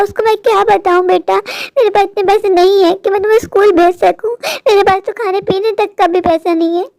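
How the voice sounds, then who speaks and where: A woman's voice: very high voice, creaky, darkish tone, dry recording. A woman voicing a pleading poor mother. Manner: pleading, plaintive. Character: poor, desperate young mother, pleading and worn out. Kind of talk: cartoon voice-over.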